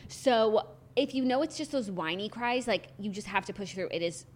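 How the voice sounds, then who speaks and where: Speaking at a moderate pace with a mid-range, animated voice, a woman co-hosting a podcast keeps things casual and chatty.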